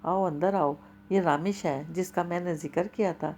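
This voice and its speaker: An eager young man in love who speaks in excited bursts, voiced by a woman reading a novel aloud. The register sits a little low. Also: slight background noise, natural voice.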